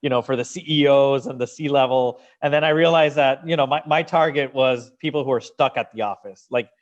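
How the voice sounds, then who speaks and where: A man from Venezuela, a business founder being interviewed, who talks in an animated way and often repeats words as he restarts sentences. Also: mid-range voice, a little fast, dull audio. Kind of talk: interview conversation.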